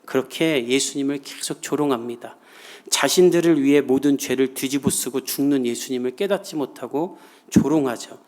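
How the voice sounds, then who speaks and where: A man's voice: mid-range voice, normal speed, darkish tone. A male pastor delivering a sermon, building in intensity and briefly voicing the mockers he quotes. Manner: preaches with rising intensity, acting out quoted mockers.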